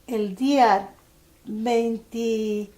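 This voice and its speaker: An older woman with a Chilean accent, recalling events in halting testimony with many restarts. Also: on the high side, fairly even intonation, dark tone. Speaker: interviewee. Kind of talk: personal testimony for a documentary.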